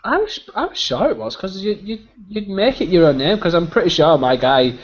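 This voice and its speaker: A man co-hosting a podcast in casual chat, animated and stumbling over his words as he asks questions. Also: high voice, moderate pace. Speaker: podcast co-host. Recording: dull podcast recording.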